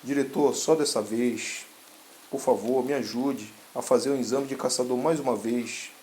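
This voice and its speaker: A man voicing a desperate young hero who pleads and breaks into panicked high cries. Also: steady tone, normal speed, darkish tone, a little hiss or hum, natural voice. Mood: pleading.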